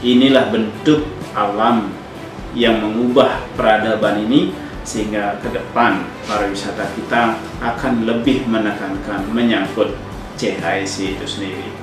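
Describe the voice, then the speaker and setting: A man with a lowish voice speaks as if teaching, earnest and exhorting, repeating his phrases. He is recorded far from the mic in a very reverberant space, with music clearly behind him. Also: fairly even intonation, normal speed. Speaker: tourism speaker addressing hospitality students. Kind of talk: motivational instructional talk. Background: background music.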